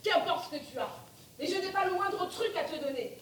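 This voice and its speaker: In a very echoey theatre, far from the mic, a blunt woman doctor. Her very high voice is firm, matter-of-fact and sardonic, in stage dialogue. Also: a little fast, a bit bright. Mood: blunt, grave. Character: blunt, unimpressed doctor delivering bad news. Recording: distant mic, very echoey theatre, rumbling noise.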